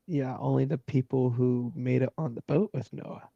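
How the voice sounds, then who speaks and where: A man co-hosting a podcast in casual chat, giving quick affirmations and laughing easily as he reacts. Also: medium pitch, steady tone, vocal fry, no room sound, dull audio. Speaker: podcast co-host.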